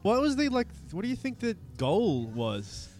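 A man's voice: high-pitched, huge pitch swings, normal speed, darkish tone. A man co-hosting a podcast, keeping the casual chat going with questions. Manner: conversational, prompting with questions. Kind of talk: casual chat about beer news.

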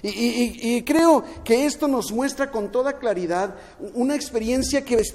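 A pastor preaches a sermon from home, streamed during lockdown, speaking earnestly and often repeating words and restarting. His voice is high with a darkish tone, and long hall reverb colors the recording.

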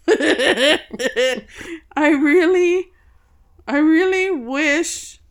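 A woman's voice: high voice, very slow. A young adult woman co-hosting a podcast, telling stories while laughing often and swearing casually. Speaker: podcast co-host. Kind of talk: casual chat.

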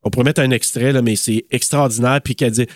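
A Québécois man at mid pitch talks through a film review in a relaxed chat, recorded close on a dry mic. He recounts scenes with animated restarts and plenty of fillers. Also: fast, dry recording. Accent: Québécois French. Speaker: podcast co-host.

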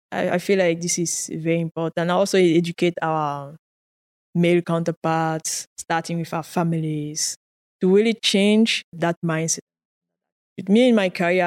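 During a conversational interview, a guest research scientist from Cameroon, a native French speaker, answers in a fairly low, slightly mellow voice. She is earnest, telling her stories with occasional laughs and some repetition of words.

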